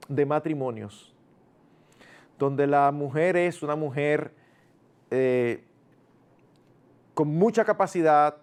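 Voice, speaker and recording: A man preaching a sermon in a lively, conversational way, acting out family dialogues in a raised voice. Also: fairly high pitch. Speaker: pastor.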